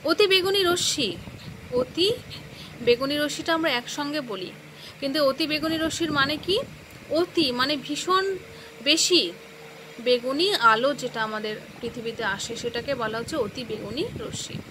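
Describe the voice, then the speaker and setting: A woman's voice: high-pitched, normal speed, noisy background. A woman teacher explaining grammar in a lesson, breaking words into syllables and asking and answering her own questions.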